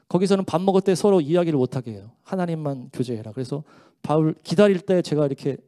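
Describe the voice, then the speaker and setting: A man's voice: fairly high pitch, mellow. A man pastor giving an earnest, emotional testimony during a church service. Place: church sanctuary during worship.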